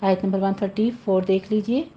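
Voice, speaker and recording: A woman teaching a tajweed lesson, slowly reciting verses and then explaining the pronunciation rules in a plain instructive voice. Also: medium pitch, fairly even intonation, dull audio, a little hiss or hum. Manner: slow, deliberate, drawn-out recitation between plain instructions.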